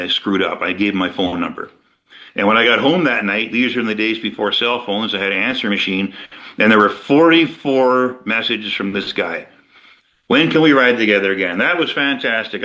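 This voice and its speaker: A man speaks with a bright, forceful tone about his years as a rider and a soldier he once met. His delivery is earnest and reflective, often stumbling and restarting before going on. The recording is a little dull and lo-fi. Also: mid-range voice. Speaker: veteran motorcycle rider. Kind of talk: personal storytelling. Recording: dull lo-fi sound.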